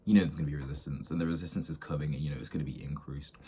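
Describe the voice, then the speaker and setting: A man, a small business owner thinking out loud in a casual, rambling way, full of fillers and restarts. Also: a bass voice, fairly even intonation, racing, slight background noise. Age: 20s. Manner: rambling, self-interrupting, many fillers.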